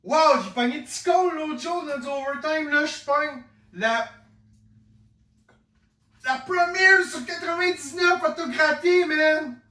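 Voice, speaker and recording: A man with a Québécois accent opening card packs in a casual vlog, excitable and full of exclamations. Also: very high-pitched, slow. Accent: Québécois French.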